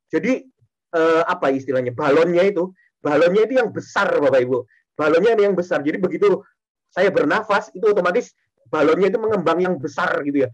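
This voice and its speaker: A man's voice: on the high side, slightly rough, dull audio. A man giving a testimony sermon to a congregation, repeating his phrases and often turning to address the listeners directly.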